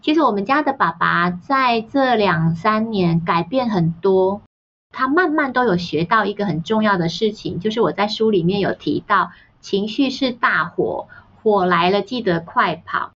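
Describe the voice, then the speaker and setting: Woman telling lively family stories. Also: medium pitch, normal speed, slight background noise. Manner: lively anecdotes, mimics family members' voices. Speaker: parenting author and podcast guest. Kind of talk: storytelling in a podcast interview. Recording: slightly dull, muffled sound.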